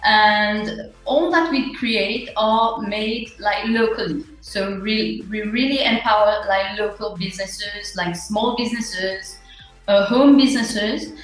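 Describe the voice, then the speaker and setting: A woman with a Mauritian accent answering interview questions in an earnest, halting, conversational way. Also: mid-range voice. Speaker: interview guest, small business owner. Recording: very echoey room, faint music.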